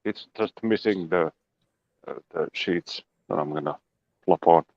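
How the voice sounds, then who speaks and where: Low-voiced man, dry and a bit dull on a phone mic, chatty and rambling, giving an outdoor walking tour with goofy sound effects. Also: measured pace, a little mellow, dry recording. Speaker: show regular giving a homestead tour. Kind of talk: casual livestream walking tour. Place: outdoors on a rural property.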